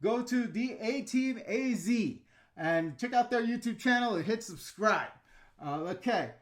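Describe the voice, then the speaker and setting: A middle-aged man with a New York accent takes his time answering live chat on his casual YouTube stream. His very high voice stays animated as he rants bluntly, full of chatty fillers.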